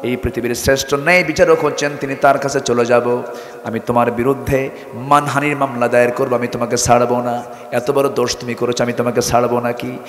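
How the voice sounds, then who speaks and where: A man's voice: medium pitch, flat delivery, fairly quick, natural voice. Indignant young wife, played by a male preacher, scolding, echoey hall. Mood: threatening. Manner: indignant, scolding, listing faults. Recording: echoey hall with long reverb.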